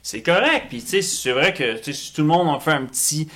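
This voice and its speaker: A man's voice: a little high, animated, fairly quick, a bit bright. A man with a Québécois French accent, co-hosting a casual podcast chat, giving emphatic, slangy opinions. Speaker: podcast co-host.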